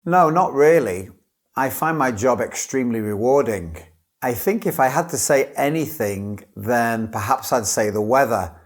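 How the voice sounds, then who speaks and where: Here a man who teaches English acts as an exam candidate, giving scripted model answers. He speaks at a medium pitch with a clear, careful delivery.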